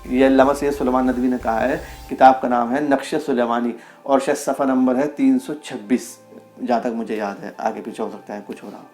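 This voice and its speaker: A man teaching a video lesson, reading aloud from a book and saying example words slowly and carefully. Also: mid-range voice, fairly even intonation, darkish tone, soft background music. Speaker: Urdu language teacher.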